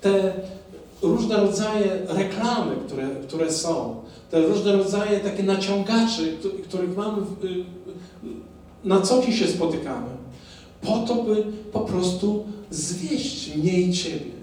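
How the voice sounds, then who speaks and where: A man with a high, mellow voice preaches slowly to his congregation in a church hall. He keeps throwing rhetorical questions at the listeners and draws call-and-response replies. The sound is very echoey and picked up from a distance. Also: a little hiss or hum. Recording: very echoey, from far off.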